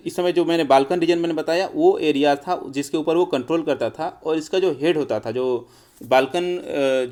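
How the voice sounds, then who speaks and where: A man's voice: on the high side, a little mellow. A male teacher, giving an explanatory history lecture and often calling his students friends. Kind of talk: classroom lecture.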